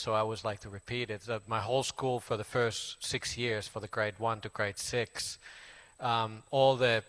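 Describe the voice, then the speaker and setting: A man in his forties from Finland with a Finnish accent, a Buddhist monk casually introducing himself in halting English full of fillers and restarts. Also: lowish voice, fairly bright tone, smooth. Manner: halting, many fillers and restarts, plain friendly telling. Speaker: Buddhist monk giving a talk. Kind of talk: casual spoken self-introduction.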